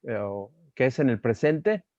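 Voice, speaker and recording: A man's voice: mid-range voice, big pitch swings, measured pace, a little mellow, no echo, highs cut off. A man answering his teacher in class, tentatively checking each point with a question. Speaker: student.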